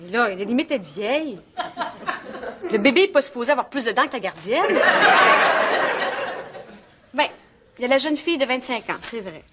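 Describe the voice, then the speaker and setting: A woman's voice: a little high, animated, natural voice. A woman playing an exasperated young mom. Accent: Quebec French. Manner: exasperated, quick retorts. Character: tired young mother hunting a nanny. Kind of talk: sitcom acting. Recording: loud background noise.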